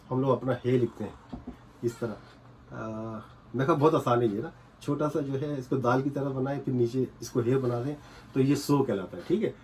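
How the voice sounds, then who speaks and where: A man's voice: medium pitch, darkish tone. A man teaching a casual whiteboard lesson, patiently repeating points and checking that students follow. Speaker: language teacher.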